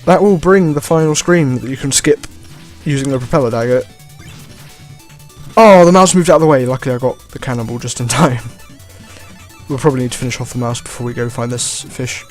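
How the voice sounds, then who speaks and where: A man giving relaxed gameplay commentary as a let's play host, often chuckling and trailing off with shrugging asides. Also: mid-range voice, fairly quick. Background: faint game music.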